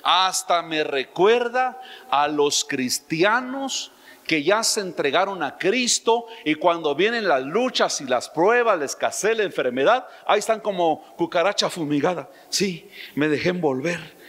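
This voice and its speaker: A man preaching a sermon as pastor, emphatic, throwing out rhetorical questions and rising suddenly to loud lines. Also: high-pitched, animated, a little slow. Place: church. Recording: long church-hall reverb.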